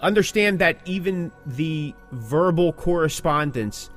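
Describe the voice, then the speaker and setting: Over soft background music, a man co-hosting a podcast offers music-industry advice in a slightly high, expressive, somewhat slow voice with a bit of brightness. He's casual but forceful, repeating important points, and the show includes scripted sign-offs.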